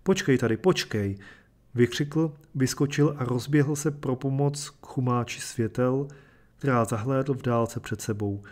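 A man reading a short story aloud and then explaining it in a measured, thoughtful way. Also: mid-range voice, a little mellow. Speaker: reader and commentator. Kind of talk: literary reading and lecture.

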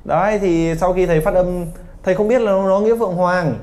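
A man in his thirties from Vietnam teaching an English pronunciation class, lively and teasing his students. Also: high voice, fairly quick. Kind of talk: classroom lesson.

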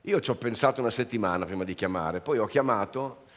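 A man's voice: on the low side, quick pace. A man, a comedian guest, telling self-mocking stories in casual on-stage chat. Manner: laughing, self-mocking storytelling. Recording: large hall with audience. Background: audience crowd.

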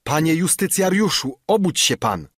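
A man's voice: on the high side, big pitch swings, moderate pace, fairly bright tone, no room sound, studio quality, voice pushed up. A man reading an audiobook voices an anxious, urgent male servant calling out in a pleading raised voice.

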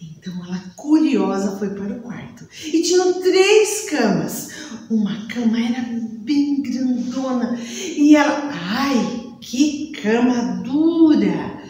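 A woman telling a children's story in an animated, playful way. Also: high voice, measured pace. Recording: echoey room, mic at a distance.

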